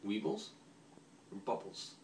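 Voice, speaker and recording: A woman off camera softly prompting a toddler to say words in a home video. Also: unhurried. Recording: distant echoey room with background noise.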